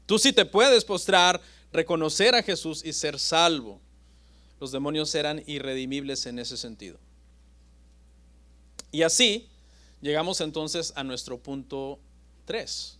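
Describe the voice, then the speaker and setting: A man preaching a sermon as pastor, with dramatic pauses and swings between loud and soft. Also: a little high.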